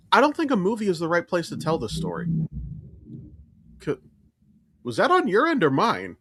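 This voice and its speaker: A man co-hosting a podcast chats casually about films, blunt, opinionated and swearing freely. His voice sits on the high side and is a bit bright, in a dry recording.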